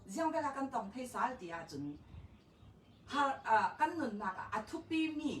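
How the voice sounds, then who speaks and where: A woman counselor giving a calm informational talk in a slow, measured, reassuring way. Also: fairly high pitch. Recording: roomy, distant mic, faint background noise.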